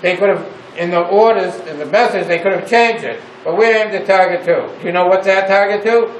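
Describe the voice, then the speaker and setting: A man's voice: high voice, fairly quick. An older man guiding visitors with emphatic storytelling in short phrases, his voice echoing inside a silo. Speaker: tour guide. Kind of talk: guided tour narration to visitors. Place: echoing underground missile silo on a tour. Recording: echoing inside a silo, distant mic, faint noise.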